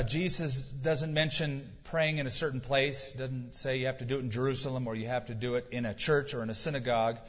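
A man preaching a sermon as pastor, telling stories and building to emphatic questions. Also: a little high. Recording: dull lo-fi sound with long hall reverb.

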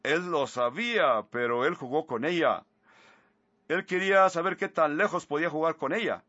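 A man's voice: fairly high pitch, normal speed, pushed and bright, no echo. A man preaching a sermon, earnestly retelling scripture with asides, on a slightly muffled recording.

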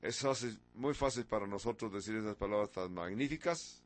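Brisk and fairly low-pitched, the sixty-year-old-plus preacher rattles through rhetorical questions, leaning suddenly on certain words. He is from abroad, from a country once ruled by an emperor.

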